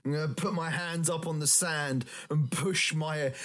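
A man's voice: a little high, fairly even intonation, a bit bright. A man playing a tabletop game, speaking bluntly in character. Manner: slow, blunt in-character speech. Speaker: player.

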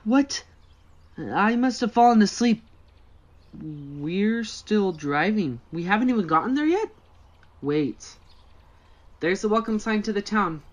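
A male actor playing a nervous, bewildered boy in a horror audio drama, with a hesitant, halting manner. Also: sits high, sing-song, exaggerated voice. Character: nervous, bewildered boy lured by strange girls.

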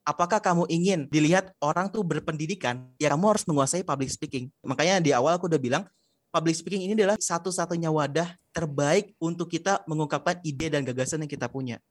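Young male podcast guest, quick casual explainer, dry close sound. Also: a little high, no echo. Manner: relaxed and explanatory, with slangy fillers. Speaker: podcast guest, public speaking trainer.

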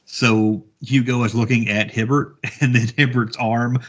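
A man's voice: medium pitch, fairly even intonation, measured pace, a bit bright. A man in his thirties co-hosting a podcast in casual chat, rambling with many fillers and chuckling as he goes. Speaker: podcast co-host. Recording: dull lo-fi podcast audio.

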